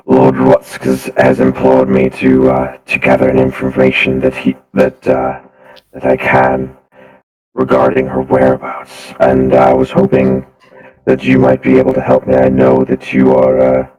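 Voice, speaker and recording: A monotone robot lord posing as a human noble. The voice sits extremely low and barely moves in pitch, with stiff, halting courtesy. It is played in a tabletop roleplay game. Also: male voice, poor audio. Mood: stiffly courteous. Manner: courtly, hesitant, halting speech. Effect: flat robotic voice.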